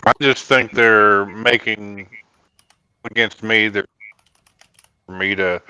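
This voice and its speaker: A man's voice: on the low side, fairly even intonation, slow, bright, forceful tone, clear, resonant tone, rough recording. A man calling into a casual chat, his audio glitchy and cutting out so that his speech comes through broken. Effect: glitchy audio that keeps cutting out. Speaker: caller.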